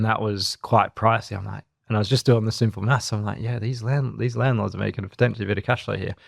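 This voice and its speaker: A man in his thirties with an Australian accent, co-hosting a podcast and telling his story in a relaxed, rambling way. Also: lowish voice, vocal fry, dry recording, clean studio sound. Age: 30s. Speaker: co-host. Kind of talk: casual podcast chat.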